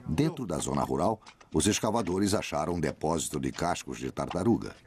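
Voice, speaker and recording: Very deep Brazilian male epic documentary narrator. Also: lively intonation, fairly quick, background noise. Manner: grave, dramatic epic storytelling. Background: prominent music.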